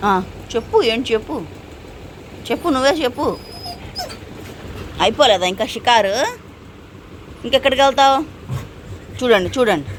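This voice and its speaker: A woman with a high voice chats to her pet dog at home. She teases and scolds it the way one talks to a small child. Faint noise sits behind her. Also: fairly bright tone. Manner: coaxing, teasing scolding as if to a child. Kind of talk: casual talk to a pet and to viewers.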